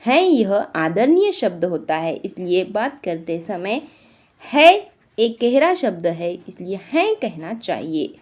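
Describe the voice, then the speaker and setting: Stern scolding night-queen judge, as a woman puts her on, lively pitch, slow storybook delivery. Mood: lecturing. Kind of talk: storybook reading for a class.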